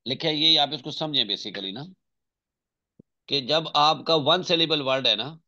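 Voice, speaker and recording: A man's voice: a little high, a little slow, sharp tone, highs cut off. A man teaching English grammar, patient and repeating himself to check understanding. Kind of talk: online English grammar lesson.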